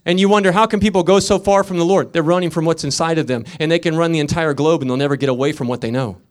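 Guy preaching hard, loud bursts then quiet storytelling, kinda high voice. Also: very fast. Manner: impassioned preaching, swinging from loud emphatic peaks to quiet storytelling; repetitive, rhythmic emphasis. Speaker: pastor. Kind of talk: sermon.

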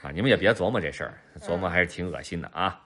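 A man's voice: sits low, rapid-fire, a bit bright. A man, a father, telling an idiom story to his children and explaining it in a playful, teasing way.

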